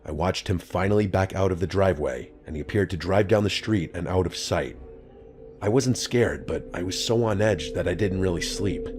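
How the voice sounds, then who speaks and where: A man reading a scripted first-person horror story in a calm, even storytelling delivery. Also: sits low, normal speed. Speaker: narrator. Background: faint background music.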